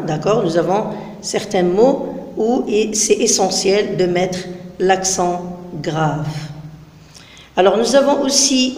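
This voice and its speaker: Woman teacher, slow careful classroom lesson, echoey room with long reverb. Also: medium pitch, darkish tone. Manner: slow, careful explanations with frequent "d'accord?". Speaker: French teacher.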